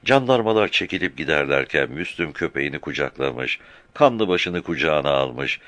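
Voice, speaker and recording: Brief: deep-voiced male audiobook narrator, very lively delivery, dry close recording. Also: moderate pace, dry recording. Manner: reads every character's dialogue himself, raising his voice for shouts. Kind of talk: scripted narration of a novel.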